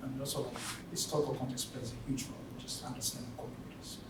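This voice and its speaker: A man speaks up from the audience, pausing often to find his words. He sits well away from the mic in a strongly echoing hall. A clear hum of room noise runs beneath him. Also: mid-range voice, little pitch movement. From Tanzania. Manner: halting, searching for words with many fillers. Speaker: audience member. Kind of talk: spoken remarks at a panel discussion. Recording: very echoey hall from far off, noisy.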